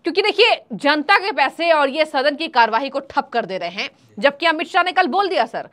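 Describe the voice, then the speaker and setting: Woman, news anchor, interview host, brisk questioning, high-pitched, bright. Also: lively intonation. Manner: brisk, questioning, brief acknowledgements.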